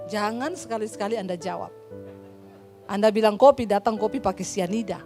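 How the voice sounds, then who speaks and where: A woman pastor preaching a sermon, telling stories in a lively way and often addressing the congregation as brothers and sisters. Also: mid-range voice, fairly quick, faint music behind. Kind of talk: sermon with acted-out anecdotes.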